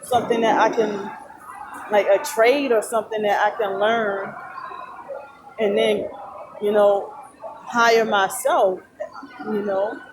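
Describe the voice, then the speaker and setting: A sleep-deprived woman talks in a tired, halting ramble, as if to a vlog audience. Her voice sits at a middle pitch. Clear background noise from a busy indoor mall surrounds her. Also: flat delivery. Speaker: vlogger. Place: loud indoor shopping mall. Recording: noisy mall ambience behind voice. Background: loud talking and mall noise.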